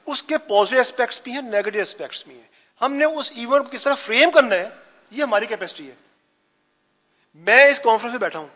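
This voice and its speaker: A man's voice: very high-pitched, pushed and bright. A man gives a conference lecture, mixing English phrases into his talk. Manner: mixes Hindi-Urdu with English phrases. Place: conference hall. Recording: long reverb of a hall.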